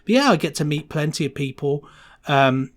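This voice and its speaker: On a podcast, a guest who works as a sound designer answers questions in a loose, rambling, enthusiastic chat. His fairly high voice is animated and moves at normal speed.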